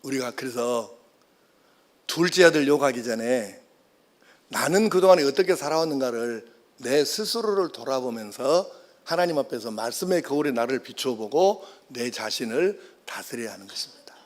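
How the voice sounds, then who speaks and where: A man's voice: mid-range voice, expressive, normal speed. A man preaching a sermon as pastor, blunt and colloquial, putting questions straight to the congregation.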